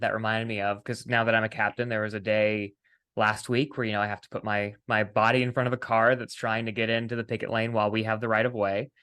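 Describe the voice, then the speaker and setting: A man's voice: fairly low pitch, a bit bright, smooth. A man hosting a casual interview podcast, laughing often and talking in a slightly rambling way with restarts. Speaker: podcast host.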